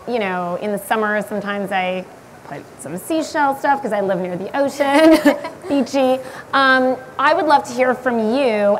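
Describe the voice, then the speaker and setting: Woman moderating a panel, higher voice. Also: a little hiss or hum, poor audio. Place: event hall.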